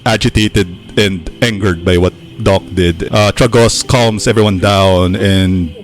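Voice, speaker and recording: A man in the role of dungeon master, narrating a tabletop game in a relaxed, unhurried way with many filler words. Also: deep voice.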